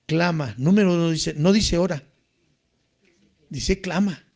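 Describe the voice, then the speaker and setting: A man preaching a sermon in an animated way, rising to near shouts when he quotes people crying out. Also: fairly high pitch, unhurried. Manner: animated, rises to shouting when quoting cries.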